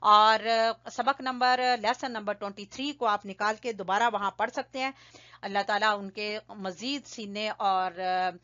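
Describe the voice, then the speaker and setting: A woman teaching Quran recitation, patiently explaining step by step, checking understanding and slowly chanting examples. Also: mid-range voice, steady tone, pushed and bright. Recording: dull lo-fi audio.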